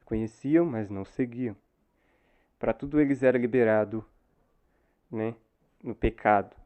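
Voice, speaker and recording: Mellow Brazilian man teaching Bible. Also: medium pitch, a little slow. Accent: Brazilian Portuguese. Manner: explanatory, tags phrases with frequent "né?". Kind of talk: Bible teaching for new converts.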